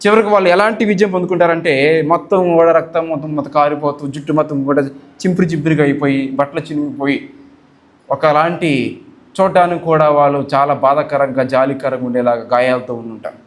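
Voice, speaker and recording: High-voiced preaching male pastor. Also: fairly even intonation, fairly quick. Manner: forceful preaching with rhetorical questions, acting out prayers. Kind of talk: sermon.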